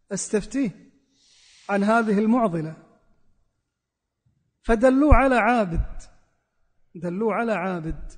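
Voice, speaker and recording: High-voiced man preaching in a hall. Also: dark tone. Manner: repeats key phrases for emphasis. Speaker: Islamic preacher. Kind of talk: sermon.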